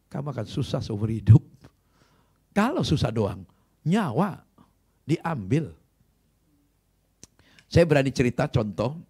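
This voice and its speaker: A man's voice: lowish voice, creaky, mellow, husky. A male pastor preaching a sermon, telling stories emphatically and putting rhetorical questions to the congregation. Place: church service.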